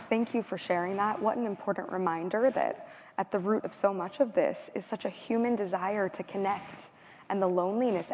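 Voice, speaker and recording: A woman's voice: mid-range voice, darkish tone, a little hiss or hum. A woman moderating an onstage interview, effusive and encouraging as she poses her questions. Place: conference stage.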